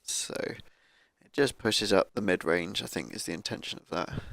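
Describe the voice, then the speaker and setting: Croaky laid-back man. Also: deep voice, measured pace, fairly bright tone, dry recording, clean studio sound. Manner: thinking aloud, laid-back, with fillers. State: croaky voice from a cold. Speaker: gaming YouTuber. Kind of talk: casual gameplay commentary. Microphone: cheap microphone.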